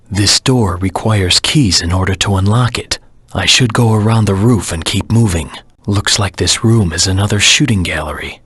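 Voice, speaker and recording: A man voicing a brooding, stern hedgehog antihero in a video game, with a raspy, serious, clipped delivery. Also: sharp tone, no echo, full character voice. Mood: focused, determined. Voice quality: raspy, gravelly low voice. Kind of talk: scripted video game character lines, mission recaps.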